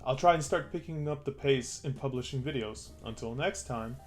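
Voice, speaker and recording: A man reading an online story aloud in a relaxed, conversational way. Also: medium pitch, normal speed, faint music behind. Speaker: story narrator.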